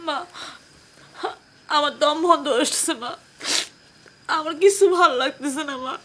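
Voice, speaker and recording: A woman's voice: high-pitched, measured pace, pushed and bright. An actress playing a distraught young daughter who cries and pleads with her mother in a TV drama. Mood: tearful. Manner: tearful, pleading. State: crying. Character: distraught young woman, student daughter, desperate. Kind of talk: TV drama acting.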